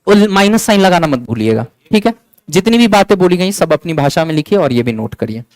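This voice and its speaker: A man's voice: high-pitched, sing-song, fairly quick, darkish tone, no echo, rough recording. A man teaching a physics lecture in mix, chatty and coaxing, repeating key points and scolding students playfully. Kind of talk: classroom lecture.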